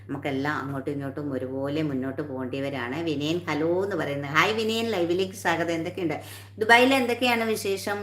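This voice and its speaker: A woman's voice: low-pitched, a bit bright, roomy sound. A woman hosting a casual live stream, chatting with viewers and greeting each one by name.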